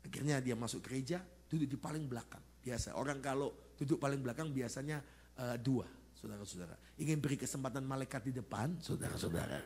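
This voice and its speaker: A man, a pastor, preaching a sermon at a church service and telling stories to the congregation in an animated way, with sudden loud rises at the high points. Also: fast, breathy edge. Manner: animated storytelling, addressing the congregation.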